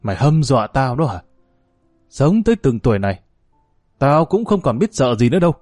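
A man's voice: medium pitch, big pitch swings, a little fast, a little mellow, dry recording, clean studio sound, soft background music. A man voicing a stern, blunt old village man. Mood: threatening. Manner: blunt, scolding, rough address.

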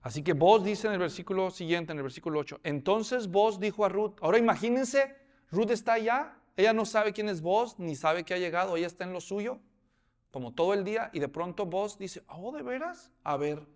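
Preaching an expository sermon, this man acts out scenes in different voices and quizzes his audience. He speaks briskly in a voice that sits high.

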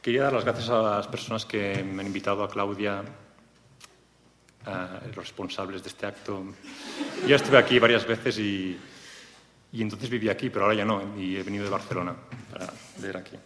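A man's voice: on the low side, fairly even intonation, a little fast. A man invited to read at a live event, introducing a comic text with hesitant, chatty asides full of fillers. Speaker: invited reader. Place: reading event in a hall. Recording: echoey hall with faint noise.

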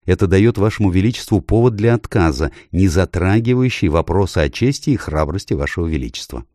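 Man doing a smooth, calculating courtier. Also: low-pitched, animated, a little fast, mellow, no room sound, clean studio sound. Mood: sly. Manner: smooth, persuasive.

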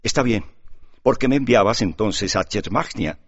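A man voicing a proud, scornful young man with a husky voice, in an audiobook with a dull, lo-fi sound. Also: fairly low pitch, expressive, normal speed, dry recording. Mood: arrogant. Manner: curt and arrogant. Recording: dull lo-fi recording.

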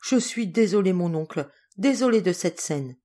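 A woman's voice: on the low side, lively intonation, moderate pace, mellow. A woman voicing a fawning grown niece who pleads in a whining, tearful tone in a storybook. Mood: tearful pleading.

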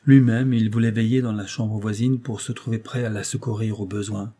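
A man narrating a classic tale as an audiobook in a steady storytelling manner. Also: fairly low pitch, brisk, husky.

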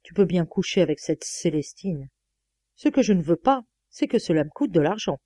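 A jealous, sharp-tongued middle-aged wife, as voiced by a woman reader in a storybook audiobook. Her tone is reproachful and insistent, with a mellow, darker timbre. The recording is dry and close. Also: on the low side, very animated, normal speed, dry recording.

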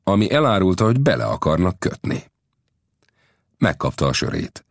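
A man narrating an adventure novel aloud as an audiobook reader, with expressive storytelling. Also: sits low, dry recording, clean studio sound. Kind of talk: scripted narration.

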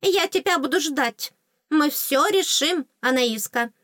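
A woman voicing a small, cheeky female tooth fairy with a squeaky, teasing, excitable voice in an audiobook. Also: a little slow, dry recording, studio quality, heavily acted. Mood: bossy. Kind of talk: audiobook character voice.

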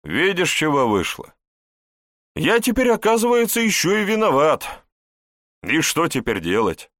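A man reading an audiobook, voicing a gruff, wry grand prince tired of quarrels. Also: fairly low pitch, sing-song, moderate pace, fairly bright tone, no room sound, clean studio sound. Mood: exasperated. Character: brusque grand prince, exasperated husband.

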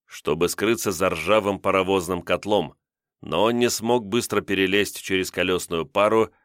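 A man narrating an audiobook in a steady, grave reading style. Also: sits low, dry recording, clean studio sound. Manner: steady, grave reading of a wartime crime novel. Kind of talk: scripted narration.

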